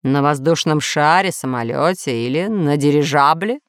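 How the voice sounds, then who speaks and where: A woman's voice: low voice, lively intonation, moderate pace, smooth, no room sound, studio quality. A woman voicing a boastful, villainous male scientist who rules dinosaurs, pompous and threatening in a storybook reading. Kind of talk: storybook narration.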